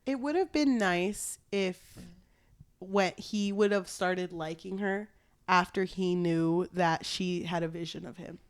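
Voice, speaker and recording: A woman's voice: fairly low pitch, takes it slowly, clean tone. A woman chatting casually as a book reviewer, sounding tipsy and rambling, blunt and swearing often.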